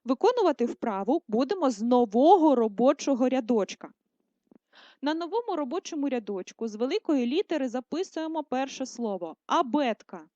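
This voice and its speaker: High-voiced woman teaching small children. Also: expressive, dark tone, dry recording. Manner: slow, careful, drawing out words to stress them. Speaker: primary school teacher. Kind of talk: video lesson for first graders. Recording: dull lo-fi sound.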